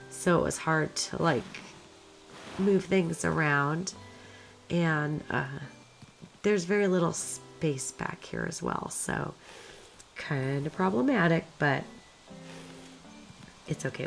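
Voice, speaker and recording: A woman with a raspy, hoarse smoker's voice, worn from being sick, giving casual, rambling gameplay commentary in an informal way. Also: fairly low pitch, takes it slowly, long pauses, faint music behind, low-quality recording. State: hoarse from a recent illness. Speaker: video creator narrating game footage.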